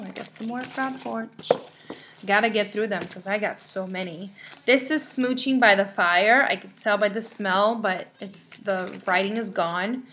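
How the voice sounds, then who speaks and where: Bubbly, bright-voiced young woman vlogger. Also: a little high, slight background noise. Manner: bubbly, rambling, reads out product names. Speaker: vlogger showing wax melts. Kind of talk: casual chatty haul vlog.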